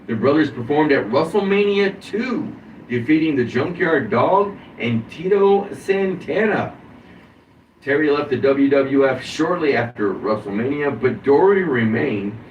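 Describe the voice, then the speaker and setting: A man's voice: on the high side, lively intonation, measured pace. A man, hosting a casual wrestling podcast, reading through a wrestler's career with offhand asides. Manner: reads a career recap with asides. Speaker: podcast host. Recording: dull, roomy, distant mic with hiss.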